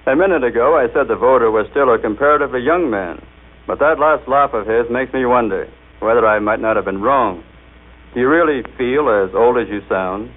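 A man's voice: medium pitch, a little fast. American man presenting on tinny 1930s radio. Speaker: presenter of a technical demonstration. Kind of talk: formal 1930s scripted demonstration. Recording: tinny, band-limited 1930s radio recording.

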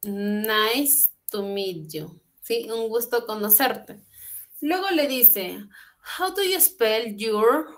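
This young woman speaks very slowly but with animation, her voice on the high side, as she patiently walks students through exercises in an online English class. She switches between Spanish and English and is heard through a laptop webcam on a video call from a small room at home.

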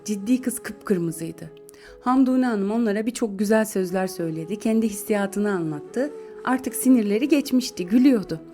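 A woman narrating a classic story in a calm, measured reading voice. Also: medium pitch, faint music behind.

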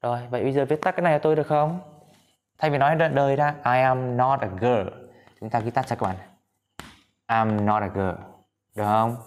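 A man teaching an English grammar lesson at a whiteboard, patient, often asking his students questions and repeating examples slowly. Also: medium pitch.

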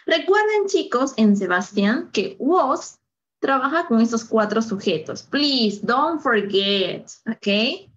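A woman's voice: on the high side, animated, takes it slowly, lo-fi sound. A woman teaching a live online English lesson, upbeat and full of praise, switching between Spanish and English.

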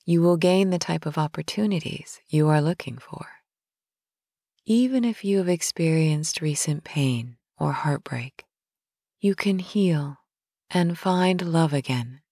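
A woman reading a guided sleep hypnosis in a slow, soothing, soft manner, with some phrases whispered. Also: deep voice, lively intonation, no room sound, studio quality.

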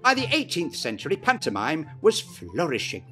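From a small dressing room, a middle-aged man from Britain narrates a scripted explainer at normal speed, at desk distance from the camera with faint music behind. His delivery is a playful, exaggerated pantomime-dame act, pitch swooping wildly.

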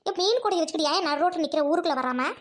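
A woman's voice: extremely high pitch, rapid-fire. A woman voicing a stern older woman in a cartoon who scolds a rude girl and backs a fish seller. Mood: scolding. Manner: scolding, firm.

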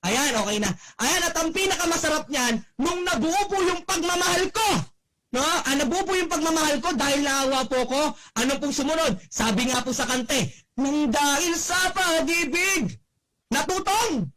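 Very high-voiced young man, shouting testimonial. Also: moderate pace. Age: young adult. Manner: exclaiming and shouting, tags lines with "no?". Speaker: network marketing speaker giving a testimonial. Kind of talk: motivational testimonial speech.

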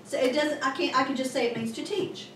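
A woman pastor preaching a sermon in a church, animated and emphatic with sudden loud bursts. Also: sits high, fairly quick, a little hiss or hum. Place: church sanctuary. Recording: echoey room from a distant mic.

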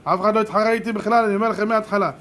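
Animated, high-voiced rabbi teaching. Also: male voice, slight background noise. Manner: animated, rhetorical, repeats for emphasis. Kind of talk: storytelling religious lesson.

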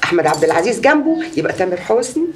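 A woman's voice: on the low side, very animated, rapid-fire, distant mic, a little hiss or hum. An actress with an Egyptian accent playing a boastful, gossipy mother who tells of her many marriages in a comedy series. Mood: gossiping. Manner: chatty, gossiping, dramatic exclamations. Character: boastful middle-aged mother, gossipy much-married storyteller.

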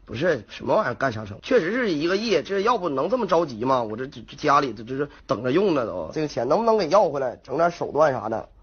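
A man's voice: a little high, very animated, fast talker, hardly any pauses, slightly rough. A young man with a Northeastern Mandarin accent rambling through a prank phone call with feigned innocence. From Northeast China. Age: young adult. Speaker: prank caller.

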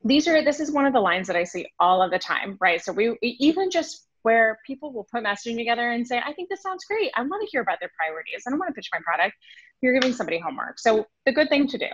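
Talking fast and with plenty of animation, a French-speaking Swiss woman in her thirties appears as a sales consultant guest on a podcast via video call from home. She gestures with her hands and acts out emails in a fairly high voice. The audio sounds dull and dry, without echo.

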